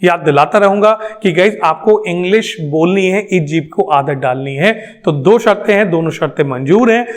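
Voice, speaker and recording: Speaking at a normal speed with few pauses, a male English trainer with a high voice addresses his class. He drives his points home emphatically, restating them and answering the questions he poses.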